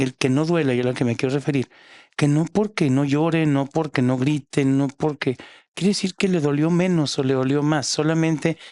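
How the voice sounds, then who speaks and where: A man's voice: on the high side, a little mellow, dry recording. A man with a Mexican accent, a psychologist guest explaining things in a casual podcast chat with frequent restarts.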